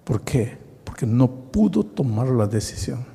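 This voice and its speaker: A man preaching a sermon as a pastor, telling stories and swinging between loud, high exclamations and hushed, slow passages. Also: very animated, vocal fry, husky, big-room sound.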